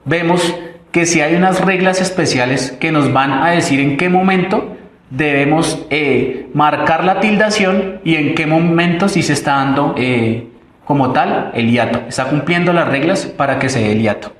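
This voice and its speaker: Man, Colombian accent, online teacher, slightly high voice, explanatory with fillers, echoey room. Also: moderate pace. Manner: explanatory, with frequent fillers and restarts. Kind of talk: recorded online lesson.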